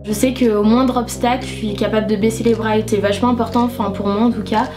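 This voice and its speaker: A woman's voice: fairly high pitch, fairly even intonation, fast, music in the background. A young woman from Val d'Isère, a ski instructor trainee, speaking casually and earnestly in a documentary interview. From Val d'Isère, France.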